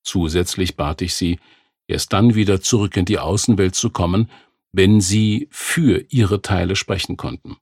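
Male narrator with a low, raspy timbre, measured and even delivery, dry studio read. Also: no echo. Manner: calm, measured reading. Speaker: audiobook narrator. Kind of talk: scripted narration.

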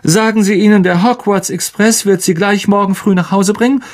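A man's voice: sits high, steady tone, moderate pace, voice pushed up, lightly acted. A man voicing a stern older female teacher in an audiobook reading, grave and commanding. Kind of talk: audiobook character voice.

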